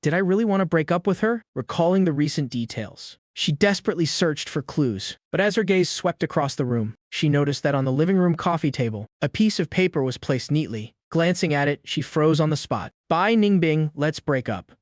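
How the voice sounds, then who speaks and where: A man tells a comic story recap in a steady, even way. His voice sits a touch higher than most men's. The sound is close and dry, with no room around it. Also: fairly quick, few pauses, no room sound. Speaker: narrator. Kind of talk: scripted story recap narration.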